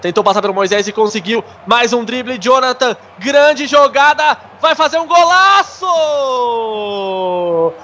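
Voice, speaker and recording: A man with a Brazilian Portuguese accent doing explosive live football goal commentary, shouting and stretching out his words. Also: extremely high pitch, normal speed, hardly any pauses.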